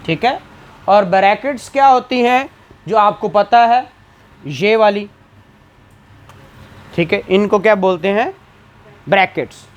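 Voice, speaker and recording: A man's voice: high voice, a little slow, long pauses, lo-fi sound. Man lecturing, quizzing and repeating terms. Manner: asks questions and answers them himself, repeating terms. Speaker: law exam tutor. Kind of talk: classroom lecture.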